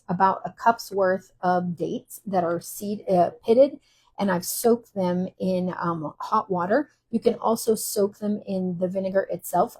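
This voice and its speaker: A woman's voice: mid-range voice, darkish tone, husky. A woman hosting a casual cooking demo, chatting in a rambling way with frequent ums. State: teary from cutting shallots. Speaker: cooking channel host. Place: kitchen while traveling.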